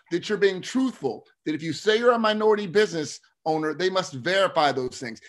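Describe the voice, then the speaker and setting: A middle-aged man with a slight lisp and slushy s sounds, presenting testimony in a halting, frank, self-correcting way on a video call. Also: a little high, a bit bright. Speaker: state legislator presenting a bill. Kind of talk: committee testimony, semi-formal explanation.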